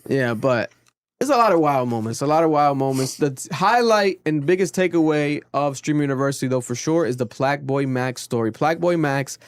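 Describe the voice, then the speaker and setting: A young man hosting a casual podcast, telling stories in an animated way and acting out what other people said. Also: fairly high pitch, fairly quick, clear, resonant tone, no room sound, studio quality. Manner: animated storytelling, acts out quotes. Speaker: podcast host.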